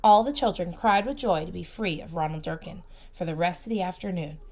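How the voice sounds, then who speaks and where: With a fairly low voice, a woman who teaches preschool reads a story aloud to young children, slowing down and stressing words expressively. Along the way she tosses in simple remarks and questions directed at the children.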